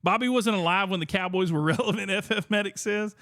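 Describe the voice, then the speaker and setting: A man's voice: high voice, fairly quick. A man hosting a podcast livestream, talking energetically and reading out chat messages. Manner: energetic, reads chat aloud. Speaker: podcast host.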